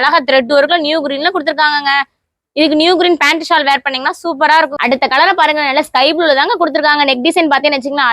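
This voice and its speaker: A woman from Tamil Nadu, with a local accent, showing tops for sale in rapid sales patter full of stock phrases. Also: high-pitched, fairly bright tone, no room sound, clean studio sound. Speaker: online clothing seller. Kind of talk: product showcase sales talk.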